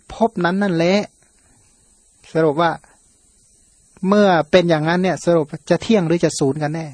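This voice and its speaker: Monk from thailand giving a dharma talk, khmer native speaker, high voice, dry close sound, lots of fillers. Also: male voice, no echo. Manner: explanatory, repeats words to stress them, frequent fillers. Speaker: Buddhist monk. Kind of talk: Dharma sermon.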